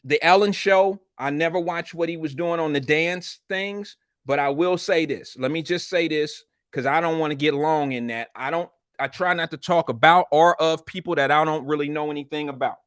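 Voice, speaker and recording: A man's voice: a little high, moderate pace, hardly any pauses, a bit bright, clean tone, no room sound, studio quality. A man hosting a casual live show, chatting with viewers in blunt, slangy, profane talk while wearing a retainer in his mouth. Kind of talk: casual livestream chat reading viewer comments.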